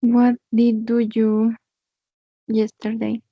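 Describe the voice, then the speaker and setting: A woman student reading English haltingly on a video call, each word slow and careful. Her voice is flat and gravelly. The call audio sounds dull and dry. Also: fairly high pitch, no echo.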